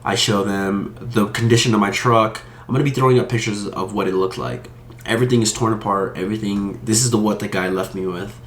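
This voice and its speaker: A man's voice: on the low side, steady tone, fairly quick, a little hiss or hum. Angry man venting, echoey room. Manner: heated, aggrieved storytelling. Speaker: vlogger. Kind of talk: casual storytelling to camera.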